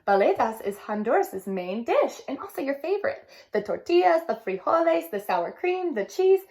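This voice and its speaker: A woman's voice: sits high, very animated, normal speed, a little mellow. A woman voicing a loving, proud grandmother in a storybook read-aloud. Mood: coaxing proud. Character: warm loving Honduran grandmother.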